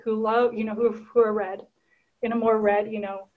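A woman's voice: on the high side, flat delivery, moderate pace. Earnest woman on a lo-fi video call. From Guatemala. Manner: earnest, many fillers and restarts. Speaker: caller. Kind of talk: casual storytelling on a video call.

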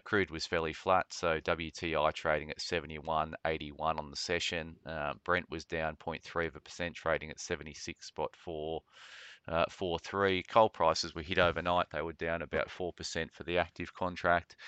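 An Australian man hosting a morning financial market briefing in a halting delivery, often stopping on ums and uhs. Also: extremely low pitch, a bit bright, smooth, dry recording. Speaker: market update host.

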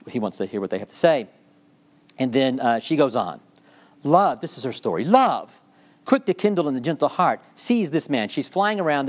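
A man's voice: mid-range voice, darkish tone. A man giving a classroom lecture in a discursive way, with frequent fillers and restarts, often checking in with the class.

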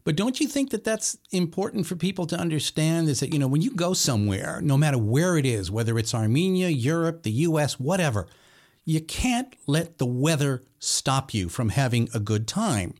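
A middle-aged man hosting a podcast, reading a measured, emphatic introduction and then chatting with his guest. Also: fairly high pitch, animated, a little mellow. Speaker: podcast host. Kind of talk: scripted intro then conversational interview.

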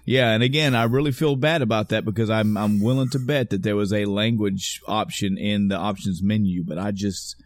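A man's voice: on the low side, steady tone, fairly quick, few pauses, no room sound, studio quality. A man co-hosting a casual podcast chat, rambling and correcting himself as he talks. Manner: rambling, self-correcting, swearing. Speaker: podcast co-host.

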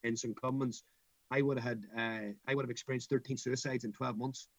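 A man's voice: mid-range voice, steady tone, brisk, no room sound. A middle-aged man with a Northern Irish accent, talking anecdotally in an interview as a coach, emphatic and given to repeating his phrases. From Northern Ireland. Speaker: school football coach.

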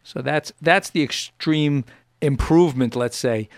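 A man's voice: a little high, a little slow, dry recording. A man hosting an interview show, summing up his guest's points and asking follow-up questions. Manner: summarizing and prompting questions. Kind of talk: radio-style interview.

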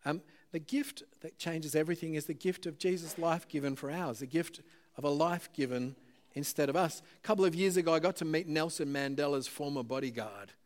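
A man delivers a sermon in a casual, self-deprecating way. His voice sits slightly high, and he keeps it conversational, dotted with "um"s. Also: brisk. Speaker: preacher.

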